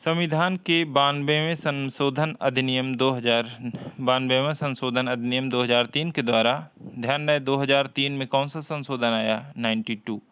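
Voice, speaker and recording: A man teaching a Hindi exam-prep lesson, reading each question aloud, often twice, and explaining the answer deliberately. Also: medium pitch, fairly even intonation, fairly bright tone, clean tone, no echo, lo-fi sound.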